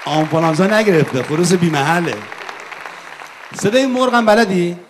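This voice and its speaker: A man's voice: high voice, animated, a loud crowd, very noisy. A man hosting a comedy sketch on stage, playing the exasperated straight man. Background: live audience.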